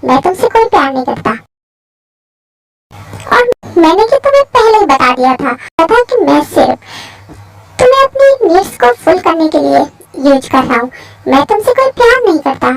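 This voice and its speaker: A woman voicing a cold, mocking young male mafia boss in a lowered voice. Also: very animated, normal speed, creaky, pauses often, heavily acted. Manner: cold, dismissive, low. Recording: faint music behind.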